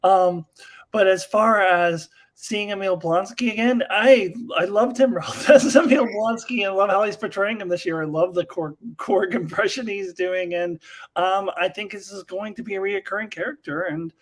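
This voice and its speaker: A man's voice: high-pitched, moderate pace. A man guesting on a casual review podcast, easygoing and full of ums. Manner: easygoing, repeats "face value", many ums.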